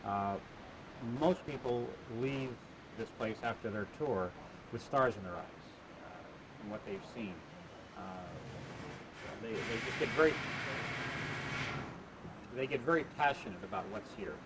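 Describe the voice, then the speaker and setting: A man answering interview questions about the attraction he built, halting with many "uh" fillers and restarts, heard on a worn tape copy. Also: medium pitch, lively intonation, heavy background noise. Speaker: attraction owner being interviewed.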